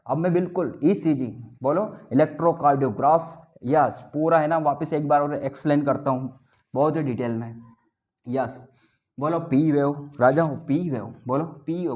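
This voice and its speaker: A male biology teacher leads a classroom lecture in call-and-response, having students chant terms back after him. His voice sits at a middle pitch, and he keeps up a teasing, playful patter as he mixes with terms.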